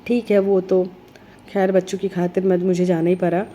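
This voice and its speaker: Middle-aged woman vlogger, hoarse from a cold, dark flat voice, reflective rambling talk. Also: moderate pace. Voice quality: heavy, low-sounding voice. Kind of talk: casual vlog talk.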